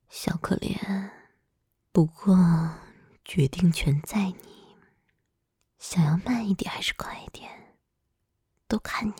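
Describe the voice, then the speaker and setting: A woman's voice: medium pitch, darkish tone, slightly rough. Woman in a teasing, domineering whisper. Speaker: roleplay performer. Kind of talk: whispered ASMR roleplay.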